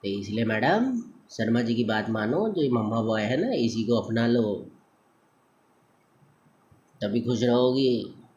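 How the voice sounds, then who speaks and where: A man's voice: medium pitch, darkish tone. Casting: man, comic rant monologue, mocking lecturer, slightly muffled recording with faint hiss. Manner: mocking, lecturing, speaks straight to women. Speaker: comedian vlogger.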